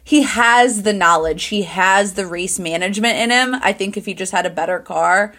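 Brief: young woman, podcast co-host, chatty, giggly, mid pitch. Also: moderate pace, fairly bright tone. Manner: chatty, giggly, playfully exaggerated. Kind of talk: casual chat.

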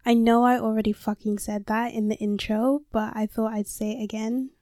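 On her solo podcast, a nineteen-year-old London woman with a slight American tone chats candidly and swears freely, recording on a handheld mic in a small closet. Her voice is a little high and warm, with flat delivery at normal speed. The sound is clean studio quality with no room sound.

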